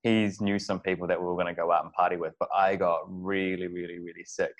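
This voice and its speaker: A man's voice: low voice, little pitch movement, quick pace. A man telling a travel story casually, rambling with lots of fillers and restarts. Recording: dull lo-fi audio.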